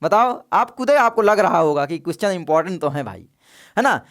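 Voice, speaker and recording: A man's voice: high voice, animated, a little fast. A young man teaching a chatty exam revision lesson, coaxing students to answer in the comments.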